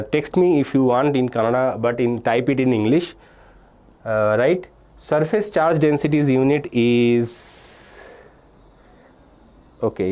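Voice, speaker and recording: A young man from India, with a medium-pitched, darkish voice, teaches a live online physics exam-prep class. Reading student names and their chat answers aloud, he explains step by step and repeats key points between "uh"s and "okay"s.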